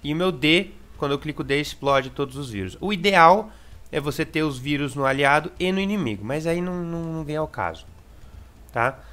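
A young Brazilian man with a Brazilian Portuguese accent commenting on his gameplay casually, excitable and repeating words, with sudden shouts. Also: on the high side, a little fast. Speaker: gameplay streamer.

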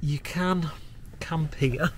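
A man's voice: fairly high pitch, fairly even intonation, very slow, slight background noise. A man casually narrating a camper van travel vlog, pointing out the sights around him. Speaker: vlogger. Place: outdoors on a windy hilltop and inside a camper van.

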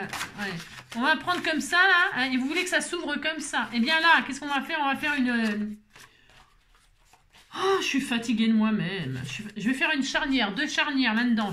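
Woman doing a craft tutorial, kinda high voice, rambles and jokes at herself, a bit under the weather. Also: pushed and bright, a little hiss or hum. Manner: rambling, self-mocking, talks to viewers while working. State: unwell with migraine.

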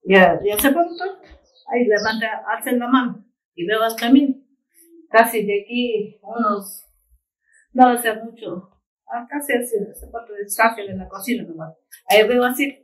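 Woman telling a story from afar. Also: a little high. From Ecuadorian Amazon. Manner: halting, repetitive storytelling with frequent restarts. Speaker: community leader and chef. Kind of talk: personal storytelling in an interview. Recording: voice picked up from a distance.

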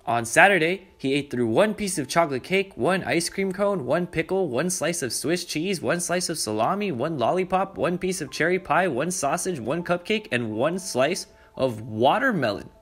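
A young man hosting a children's story time, reading aloud in a deliberate manner and speaking directly to young listeners. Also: fairly high pitch, lively intonation, a bit bright, husky. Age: young adult. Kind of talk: read-aloud storytelling for preschoolers. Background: background music.

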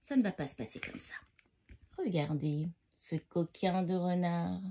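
A woman voicing a determined, brave girl who takes charge in a children's storybook, speaking quickly and firmly. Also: on the low side, mellow, slight background noise, pitched below the performer's own voice.

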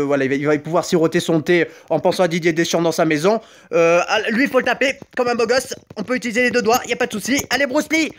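A young man, Italian by first language, talks over his mobile gameplay in a high, light voice. He rambles, jokes and breaks into sudden excited yelps between quick asides. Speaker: gaming YouTuber. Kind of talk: joking gameplay commentary.

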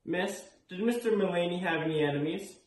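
A man's voice: high-pitched, fairly quick, lightly acted. A man playing a veteran police officer, an old friend of the detective, talking in a matter-of-fact, laid-back way in a noir radio drama. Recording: echoey room, distant, music behind.

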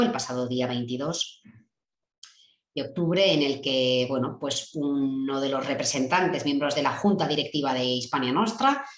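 A woman's voice: deep voice, roomy sound. A woman giving an online conference talk over a video call, hesitant with many fillers. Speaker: director general giving a keynote talk.

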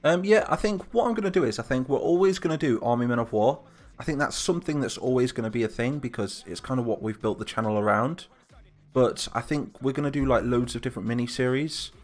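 A young man talks loosely to his live-stream audience, rambling and filling gaps with "like" and "um." His pitch sits in an ordinary middle range, with faint music playing behind him. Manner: rambling, many "like" fillers. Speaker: gaming channel host streaming live. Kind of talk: casual live-stream chat.

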